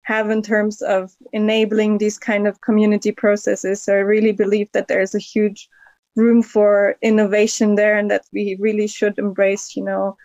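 Female panel guest from Hungary, measured and hedging, dry sound. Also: mid-range voice, completely flat delivery, darkish tone, dry recording, highs cut off. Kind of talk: panel discussion answer.

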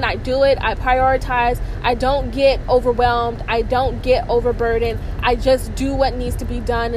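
Young female student vlogger, high voice, loose conversational delivery that circles back on phrases, noisy car recording. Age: young adult. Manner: repeats phrases for emphasis. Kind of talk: casual rambling vlog monologue.

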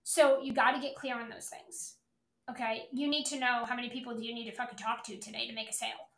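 A woman's voice: a little high, level tone, quick pace, gravelly, a bit bright, reverberant. A woman giving a motivational business coaching talk in a blunt, emphatic, repetitive way, peppered with swearing.

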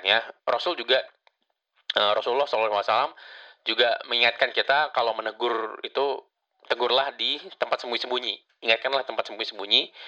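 A middle-aged man talks quickly in a casual solo podcast, his voice bright and forceful, peppering his points with little tag words. The mic sits a bit away from him and the sound is dull and lo-fi. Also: medium pitch. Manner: fast, conversational, frequent fillers and tag words. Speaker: podcast host. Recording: slightly distant, dull lo-fi mic.

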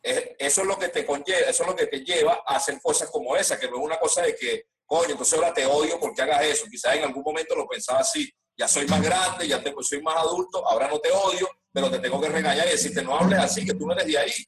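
A Venezuelan man, a guest rapper in a casual podcast chat, blunt and animated with heavy slang. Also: on the high side, fast, few pauses, low-quality recording.

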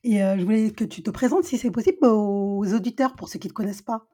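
A woman hosting a podcast in a casual interview chat, lively and quick to laugh when telling stories. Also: medium pitch, slightly rough. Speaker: podcast host.

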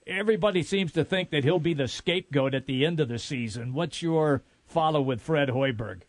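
Higher-voiced male sports radio host, dry sound. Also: a little fast, no room sound. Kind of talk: casual live radio talk.

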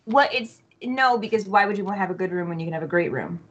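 A woman's voice: medium pitch, fast talker, lo-fi sound. Southern American woman, emphatic player. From southern United States. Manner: emphatic, laughing. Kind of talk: casual tabletop chat.

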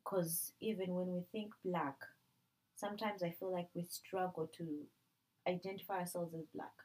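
A Canadian woman with a fairly low-pitched voice speaks at a moderate pace in a low-quality recording. Chatting casually, she's animated, using playful examples and acting out quotes.

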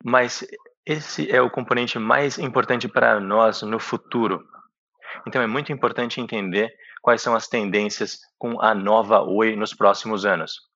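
A Brazilian man interpreting a business presentation live, with halting phrasing. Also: on the low side, steady tone, bright, forceful tone. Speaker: simultaneous interpreter for an executive. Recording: dull, echoey conference call audio.

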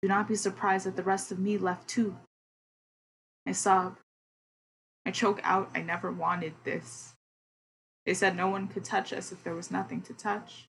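A woman poet reads her own work in a slow, measured voice and then chats as a guest, bubbly and excitable. A faint hiss sits behind her voice throughout the recording. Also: mid-range voice, gravelly, poor audio. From Queens, New York. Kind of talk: poetry reading and interview.

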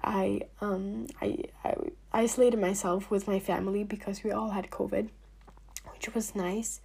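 A young woman in her late teens chatting casually to her viewers, a little hoarse after being ill, with many fillers and soft near-whispered trailing words. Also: medium pitch, level tone, a little slow. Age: young adult. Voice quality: husky, slightly hoarse. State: recovering from illness, clearing throat. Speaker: vlogger. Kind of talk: casual talk to camera.

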